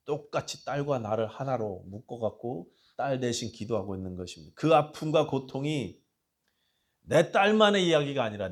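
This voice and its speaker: Impassioned Korean pastor preaching. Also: male voice, fairly low pitch. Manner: swings from hushed asides to loud impassioned cries; reads scripture aloud with the congregation. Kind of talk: sermon. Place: church sanctuary.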